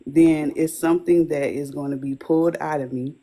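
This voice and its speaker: A woman's voice: sits low, steady tone, normal speed, mellow. A woman who coaches wives of addicts, giving an earnest, faith-filled testimony as an interview guest.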